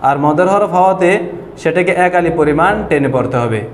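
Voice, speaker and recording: Patient male teacher in an echoey room. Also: on the high side. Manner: slow, patient explaining, drawing out example sounds. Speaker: Quran reading teacher. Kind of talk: whiteboard lesson on Quran pronunciation. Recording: echoey room with long reverb and faint noise.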